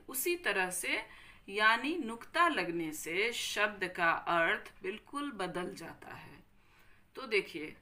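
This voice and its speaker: A woman teacher with a Bihari Hindi accent giving a recorded grammar lesson, slowly repeating each word and checking in with her students. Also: mid-range voice, sharp tone. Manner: slow, careful, repeats each word and checks with "thik hai".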